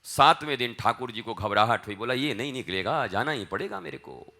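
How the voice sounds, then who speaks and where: Bright-voiced man telling a devotional tale. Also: mid-range voice, animated, brisk, creaky. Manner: acts out dialogue in dialect, swings from hushed chant to loud calls. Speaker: spiritual teacher. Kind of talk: devotional storytelling sermon.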